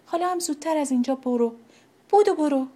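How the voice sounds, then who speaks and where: A woman's voice: high-pitched, mellow, voice pushed up, close to an everyday voice. A woman voicing a snobbish, proud willow tree that dismisses a stranger disdainfully in a children's story. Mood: haughty.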